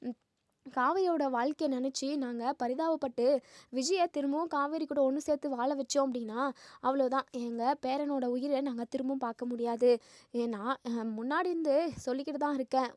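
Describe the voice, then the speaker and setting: Stern older grandmother, read by a woman, firm and scolding, high voice, dry sound. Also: a little fast, darkish tone, dry recording, natural voice.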